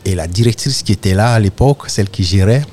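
A man with an Ivorian accent speaks in a low, mellow voice. He is a storyteller being interviewed on the radio, and he talks in a lively, animated way. Faint ambient noise sits behind him. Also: fast talker. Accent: Ivorian French. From Côte d'Ivoire. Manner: lively storyteller, animated when describing his craft. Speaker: storyteller and actor.

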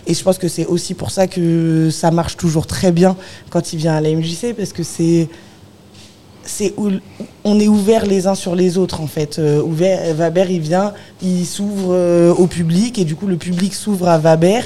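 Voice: mid-range voice, steady tone, normal speed, dark tone. Hesitant community centre speaker. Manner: hesitant, many fillers. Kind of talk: radio interview.

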